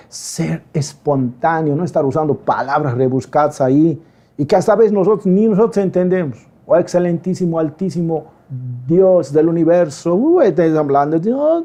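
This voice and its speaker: A male pastor giving a lively, conversational sermon, acting out quoted voices in quick emphatic bursts. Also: a little high.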